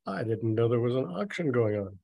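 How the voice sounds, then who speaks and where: A man's voice: mid-range voice, big pitch swings, a little fast, vocal fry, dark tone, dry recording. A man reading a story aloud and mocking it with sarcastic, nitpicking asides. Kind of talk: sarcastic dramatic reading with commentary.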